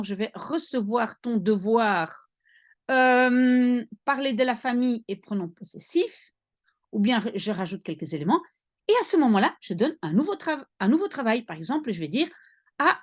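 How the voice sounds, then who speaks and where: A woman language teacher patiently explaining grammar to a student, with careful repetition. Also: fairly high pitch. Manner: slow, patient, lively intonation. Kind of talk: explaining English grammar in French.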